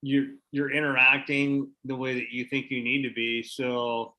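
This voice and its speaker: A man's voice: medium pitch, monotone, measured pace, sharp tone, rough recording. A man in a casual group chat, easygoing and reassuring.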